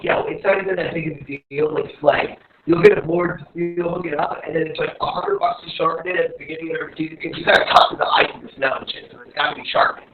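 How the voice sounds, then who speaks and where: Male guest from New Jersey, slightly high voice, slangy and upbeat, tinny echoey call line. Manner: enthusiastic, slangy, swears casually. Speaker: rapper guest. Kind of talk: casual interview chat.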